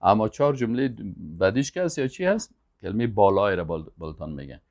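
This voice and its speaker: Guy teaching arabic vocab, pitch jumps all over, stretches out each word then rattles off quick asides. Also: animated, a little mellow. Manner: slow, emphatic word-by-word repetition with quick asides. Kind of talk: language lesson, drilling vocabulary.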